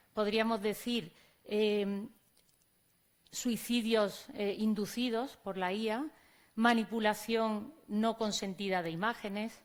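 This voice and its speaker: A teacher from Córdoba, Spain, with a mid-range voice and an Andalusian Spanish accent gives a conference presentation on stage at a conference venue. She keeps it conversational and speaks directly to the audience.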